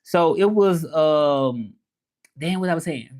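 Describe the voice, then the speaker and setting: A man from Memphis in the southern United States hosts a casual livestream about learning languages, reading comments in a loose, rambling way and repeating himself. His Southern-accented voice is fairly high and slightly dark in tone, animated but slow.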